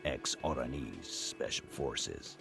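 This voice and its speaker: A man's voice: rumbling low, animated, slow pace, vocal fry, exaggerated voice. An actor playing a hostile, threatening male dockworker union boss in a video game. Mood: grim. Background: game music.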